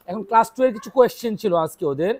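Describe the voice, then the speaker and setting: A woman teacher from Bangladesh leads a small class of young children through simple English phrases. She asks short questions and repeats every answer with its meaning in her own language. Her voice sits at a medium pitch. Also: expressive, fast, a little mellow. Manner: quizzes pupils and repeats each English phrase with its Bengali meaning.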